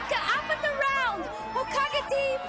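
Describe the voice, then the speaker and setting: A formal cartoon tournament announcer, calling matches in a very high, piercing voice. Loud music and a roaring crowd swamp the dub. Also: female voice, slow.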